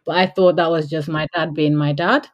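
A Gambian woman co-hosting a casual podcast chats at normal speed in a low, steady voice, and the audio sounds dull. She laughs easily and frequently quotes her own words. London English shapes her accent, with a faint Yorkshire note.

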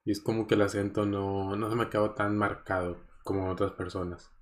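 A man's voice: lowish voice, level tone, fairly quick. A man from Mexico with a Mexican Spanish accent, hosting a casual solo podcast, rambling and chatty with many fillers and chuckles. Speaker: podcast host.

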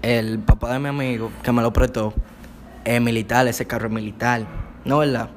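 A man's voice: mid-range voice, fairly even intonation, moderate pace, slight background noise. A young man co-hosting a podcast, telling a story in casual chat and laughing often as he goes. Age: young adult. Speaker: podcast co-host. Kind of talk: casual storytelling among friends.

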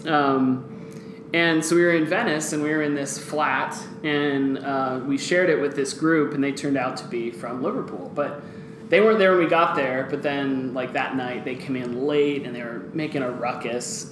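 A man from Guatemala, a guest on a casual podcast, telling stories in a relaxed way with lots of "um"s, in an office boardroom. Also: mid-range voice, normal speed. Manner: relaxed storyteller, many fillers like "um". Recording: echoey room with background noise.

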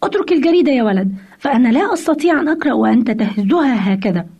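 A woman's voice: on the high side, expressive, racing, husky. Woman reading as an irritated, tired father. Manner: sharp, impatient scolding. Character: tired irritated father scolding his little son. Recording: dull lo-fi radio recording.

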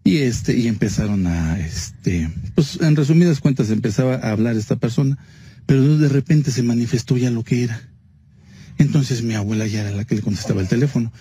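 A man's voice: medium pitch, brisk, dark tone, breathy edge. A man telling a spooky story in a casual, hesitant way, full of fillers. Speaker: guest telling a ghost story.

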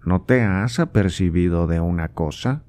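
A man's voice: sits low, normal speed, darkish tone, lightly acted. A man reading aloud and voicing a scornful, impatient old nobleman who scolds his son with sarcasm. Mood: coaxing. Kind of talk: audiobook character voice.

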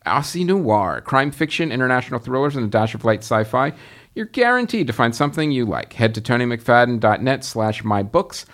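A man's voice: mid-range voice, big pitch swings, a little fast, fairly bright tone. A man hosting a film podcast, casually reading out listener promos with small fillers and chuckles. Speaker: podcast host.

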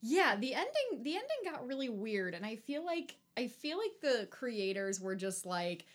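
With a slightly high voice, big swings in pitch, and a normal pace, this woman co-hosts a podcast, chatting loosely about a movie she's reviewing. "Like" pops up constantly, and she performs characters' lines as she goes.

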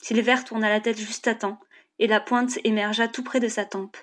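A woman narrating an audiobook chapter in a steady, measured reading. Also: a little high.

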